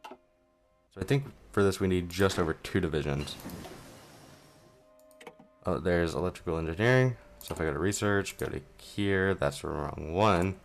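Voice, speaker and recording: A young man with a low, deep voice chats his way through a strategy game, rambling and self-deprecating. He talks casually from home into a modest mic. Faint game music runs underneath. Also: normal speed, pauses often. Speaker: gaming channel host. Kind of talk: casual let's play commentary.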